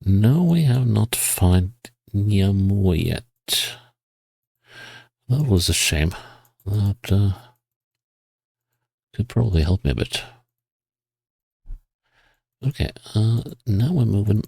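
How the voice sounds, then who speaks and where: A man giving casual gameplay commentary, musing to himself and reading signs and place names aloud in a husky voice. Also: lowish voice, expressive, slow pace, long pauses, mellow, no room sound. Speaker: GeoGuessr player.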